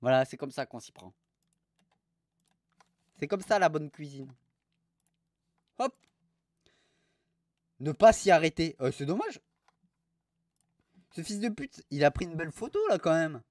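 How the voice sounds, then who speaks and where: A young man streaming live, mocking restaurant reviews in a crude, animated way. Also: on the high side, a little slow, pauses often, dry recording, clean studio sound.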